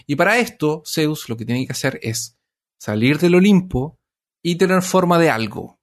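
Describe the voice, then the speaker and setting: A man's voice: a little high, expressive, normal speed. A man casually retelling a myth in conversation, rambling and self-correcting as he goes. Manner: rambling with many fillers and restarts, self-correcting.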